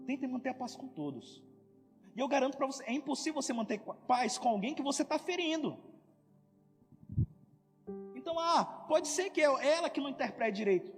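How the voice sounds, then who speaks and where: High-voiced pastor preaching in an echoey hall. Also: male voice. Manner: conversational preaching with repeated phrases and acted examples. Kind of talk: sermon.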